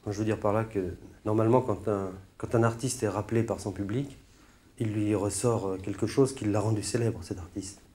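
A man's voice: lowish voice, fairly even intonation, fairly quick, mellow. A man performing a stand-up monologue on stage, rambling through sardonic, mock-indignant asides. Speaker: stand-up comedian. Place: stage before a laughing audience.

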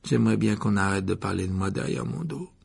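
A man's voice: sits low, lively intonation, vocal fry, a little mellow, slightly rough, voice pushed down, exaggerated voice. A man voicing a weepy, self-pitying ghost girl who sobs and draws out her words. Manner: sobbing, slow and drawn-out.

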